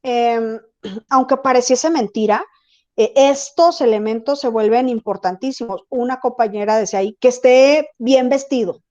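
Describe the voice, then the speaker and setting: A woman's voice: fairly high pitch, normal speed, mellow, muffled recording. A woman teaching an online class, chatty and often checking that her students follow. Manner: conversational, asks students if they follow. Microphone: video call.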